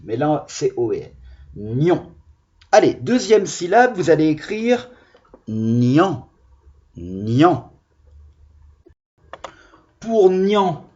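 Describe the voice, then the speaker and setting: A male primary school teacher, giving a reading lesson on video and sounding out syllables slowly and carefully. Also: a little high, a little mellow. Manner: slow, deliberate, over-articulated syllables. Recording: dull lo-fi sound.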